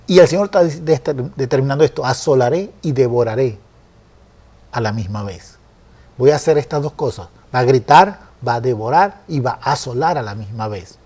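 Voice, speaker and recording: A man earnestly explaining Bible passages in a conversational study, often pausing with fillers and restarting phrases. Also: mid-range voice, lively intonation, a little mellow, breathy edge. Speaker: Bible teacher.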